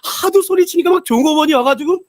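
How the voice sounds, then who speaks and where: High-voiced, animated male preacher. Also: fast talker, no room sound. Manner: animated storytelling, acts out voices. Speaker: pastor. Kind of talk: revival sermon.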